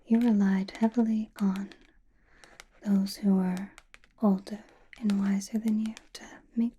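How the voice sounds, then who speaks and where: A woman playing a mysterious, powerful witch who reads tarot in an ASMR roleplay, whispering slowly in a calm, knowing, soothing way. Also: medium pitch, a little hiss or hum, lightly acted, low-quality recording. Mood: soothing, intent. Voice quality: breathy, whispered. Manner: slow, deliberate, soothing personal attention.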